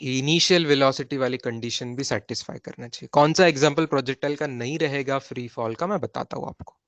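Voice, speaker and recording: A man's voice: mid-range voice, brisk, no room sound. A man with an Indian accent teaching a physics lesson online, repeating key phrases and checking with his students as he goes. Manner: mixes Hindi and English.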